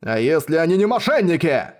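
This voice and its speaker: A man's voice: fairly high pitch, very animated, brisk. A man voicing a stern, commanding older nobleman in an audiobook reading, with a barking, bellowing delivery. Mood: furious.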